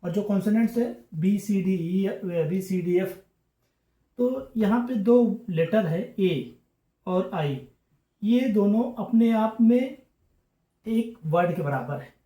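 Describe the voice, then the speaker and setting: A man teaching a grammar lesson, explaining patiently and repeating himself, often pausing to check in with the class. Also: high voice, mellow, echoey room. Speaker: English teacher.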